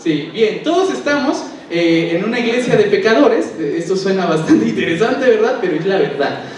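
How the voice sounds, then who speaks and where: A male pastor gives a sermon in a high, bright voice. He explains scripture and often asks his listeners rhetorical questions. He is heard from a distance in a strongly echoing church hall. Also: animated, normal speed, slight background noise. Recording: echoey church hall from far off.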